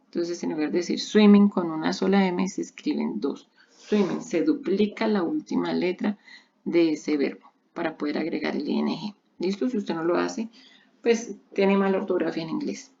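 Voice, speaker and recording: Low gravelly woman teaching grammar. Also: normal speed, dark tone. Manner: patient, explains step by step and repeats examples. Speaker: English teacher. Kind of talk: recorded online grammar lesson. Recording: dull lo-fi recording.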